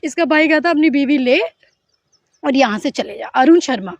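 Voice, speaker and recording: A woman's voice: high voice, moderate pace, no echo. A middle-aged woman giving an earnest, pleading personal testimony to an interviewer, often acting out what others said. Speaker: interviewee telling her account. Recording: dull, dry lo-fi recording.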